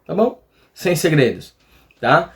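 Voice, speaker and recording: A Brazilian man gives a relaxed, chatty lesson, his voice sitting a little high for a man. He keeps checking in with his listeners, pausing for quick confirmations as he explains. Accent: Brazilian Portuguese. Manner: chatty, checks in often with "tá?" and "legal?". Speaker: English teacher.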